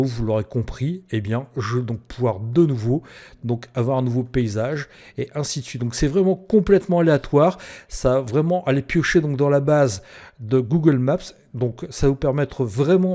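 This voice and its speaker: Man, tutorial presenter, mellow and warm, unhurried click-by-click explanation with fillers. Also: medium pitch. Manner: explains step by step with many fillers. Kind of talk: screen-recorded software tutorial.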